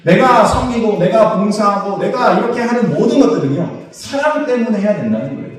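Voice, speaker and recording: A man's voice: high-pitched, animated, a little fast. A man, a pastor, preaching a sermon and asking his congregation questions, then answering them himself. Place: church sanctuary. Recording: echoey church hall, voice from a distance.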